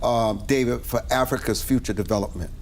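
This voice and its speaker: A man's voice: medium pitch, a little fast, slight background noise. A man hosting an interview, asking brief, direct questions. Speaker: host.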